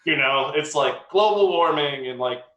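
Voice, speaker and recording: A man's voice: on the high side, normal speed, sharp tone, reverberant, a little hiss or hum. A man chatting casually about movies and science, rambling with lots of fillers and hedges. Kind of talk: casual chat.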